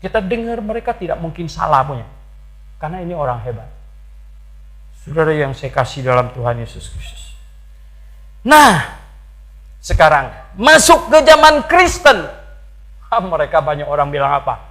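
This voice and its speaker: An older man preaching a sermon, swinging between loud emphatic peaks and low asides, and asking the congregation rhetorical questions. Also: very animated, a little fast, pauses often, rough recording. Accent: Indonesian. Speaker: pastor.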